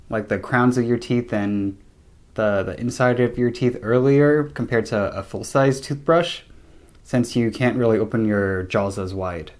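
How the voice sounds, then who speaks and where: A young man talking casually to camera in a low-key, conversational way, sharing tips as a vlogger. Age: young adult. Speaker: vlogger giving recovery tips. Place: small room indoors, seated at a table.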